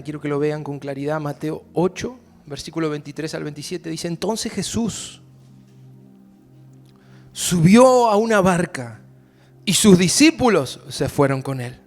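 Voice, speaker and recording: A man with an Argentine accent preaching a sermon as pastor, climbing to loud, emphatic shouts on the key lines. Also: fairly high pitch, unhurried, pauses often, soft background music. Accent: Argentine Spanish. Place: church service.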